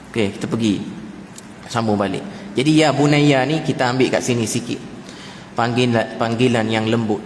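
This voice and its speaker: A man with a Malaysian Malay accent giving a mosque lecture, often addressing the audience directly and mimicking greetings in a high, jokey voice. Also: slight background noise. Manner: repeatedly addresses audience as tuan-tuan. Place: mosque hall. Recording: echoey mosque hall, faint ambience.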